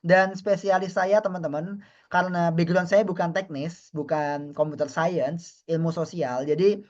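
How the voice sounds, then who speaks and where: A man's voice: a little high, steady tone, measured pace, a little mellow, lo-fi sound. Chatty Indonesian-born man lecturing online. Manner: friendly, chatty, often addresses the audience as friends. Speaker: university lecturer.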